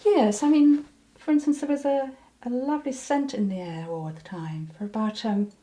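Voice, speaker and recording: An older woman with a soft, mellow voice recalls her past in an unhurried interview. She hesitates often, restarts her sentences and fills the gaps with ums. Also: on the high side. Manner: hesitant, many ums and restarts, breaks into laughter. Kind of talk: reflective personal recollection.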